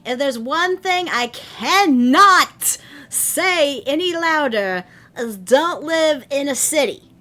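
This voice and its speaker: A woman co-hosting a casual reaction stream, giving blunt, animated opinions. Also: high voice, slow pace. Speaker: vtuber co-host reacting to news.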